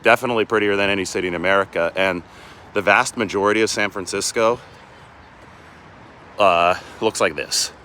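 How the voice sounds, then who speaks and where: A man's voice: lowish voice, a little fast, long pauses, sharp tone, a little hiss or hum. A sports reporter chatting casually outdoors while walking with a handheld phone camera, rambling and often restarting his sentences. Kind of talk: casual live walking vlog. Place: outdoors on city streets and in a park.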